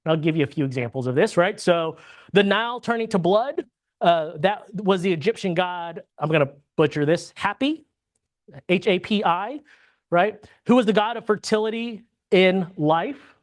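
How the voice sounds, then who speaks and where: A US Bible class teacher speaks at normal speed with a medium pitch during a conversational lesson. Frequent tag questions keep checking in with the class, and sentences are often restarted, with words repeated midway.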